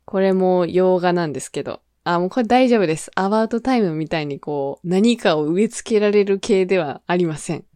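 A woman's voice: fairly low pitch, brisk, few pauses, dark tone, smooth, no room sound, studio quality. A woman in her twenties with a Kansai accent, hosting a casual solo radio talk segment and laughing often as she acts out her own lines. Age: 20s. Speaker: radio show host.

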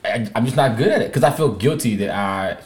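A man's voice: medium pitch, lively intonation, darkish tone. A man co-hosting a podcast, talking earnestly and reflectively in casual banter. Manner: reflective, earnest, drawn-out phrasing. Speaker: podcast co-host.

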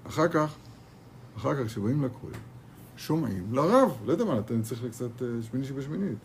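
A man's voice: mid-range voice, animated, gravelly, slight background noise. A man teaching a Torah class to his students in a kollel, speaking animatedly, repeating phrases and asking rhetorical questions. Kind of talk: lively Torah lesson with students. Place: kollel study hall.

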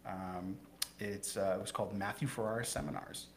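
A man's voice: fairly low pitch, creaky, a little hiss or hum. A young adult man from New Hampshire, a guest chatting casually and laughing easily in an interview. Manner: quick, upbeat, laughs easily.

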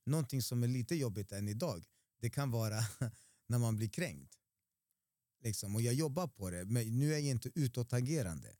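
A man's voice: medium pitch, animated, dark tone, dry recording, studio quality. A man who preaches, as a guest in a casual interview, talking reflectively with hesitant restarts.

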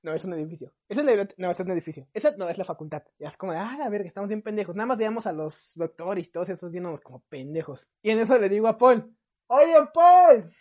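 A woman's voice: on the low side, rapid-fire, hardly any pauses. A young adult woman with a Mexican Spanish accent, co-hosting a podcast and telling a story in casual chat, acting out her friends' lines. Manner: animated, acts out friends' lines. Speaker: podcast co-host.

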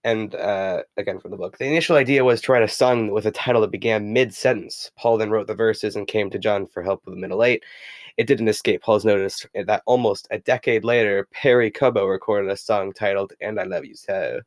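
Low-voiced man hosting a rambling podcast. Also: brisk, no room sound. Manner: rambling, many fillers, reads passages from a book. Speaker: podcast host. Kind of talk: casual solo podcast about an album.

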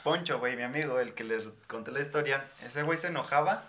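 Bright-voiced young Mexican man. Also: mid-range voice. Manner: quick, slangy interjections. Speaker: podcast co-host. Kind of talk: casual chat.

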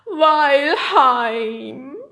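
A woman's voice: drawn-out words, pushed and bright, full character voice. A woman voicing a small homesick yeti who howls and speaks in broken, childlike phrases. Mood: whiny. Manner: shrill, wailing, broken grammar.

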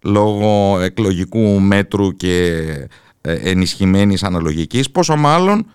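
Male political interviewer, low resonant voice, measured and articulate, formal in his questioning. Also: lively intonation, darkish tone, clear, resonant tone, no room sound, studio quality. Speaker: interviewer, host.

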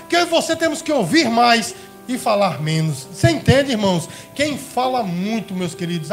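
High-voiced preacher with a gravelly edge. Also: male voice. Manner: addresses listeners as brothers and beloved, asks them questions. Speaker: pastor. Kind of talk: sermon.

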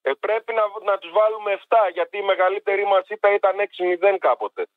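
A man's voice: high-pitched, no echo. A man from Greece calling in to a sports radio show, joking and bantering like a football fan. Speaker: radio caller. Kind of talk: casual phone-in chat. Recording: dull phone-line sound.

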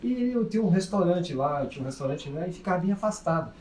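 Man, high voice, telling a rambling story in a voice note recorded far from the mic in an echoey room. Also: animated, fast, a little mellow, a little hiss or hum. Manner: chatty, rambling anecdote with restarts. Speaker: listener sending a voice message. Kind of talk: casual storytelling. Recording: echoey, distant voice message.

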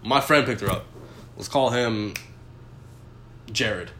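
A man's voice: fairly low pitch, takes it slowly, a bit bright, reverberant, a little hiss or hum. A man telling crude, laughing stories in a casual podcast chat. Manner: laughing, storytelling, profane. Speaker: podcast co-host.

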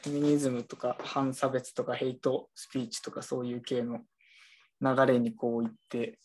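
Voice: medium pitch, moderate pace, a little hiss or hum. A bookshop staffer chatting casually while showing shelves, rambling with many fillers. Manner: animated, rambling, full of fillers. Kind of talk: casual chat.

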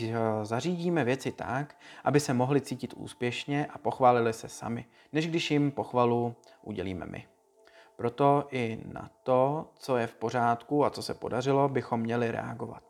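Calm man reading a talk. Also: medium pitch, vocal fry. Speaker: speaker giving a motivational talk. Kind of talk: read-aloud motivational talk.

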